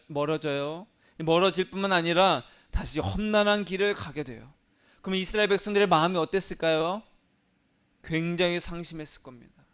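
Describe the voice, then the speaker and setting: A man's voice: on the high side, a bit bright, clear, resonant tone. Resonant-voiced male pastor preaching. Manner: conversational, asks the congregation questions. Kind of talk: sermon.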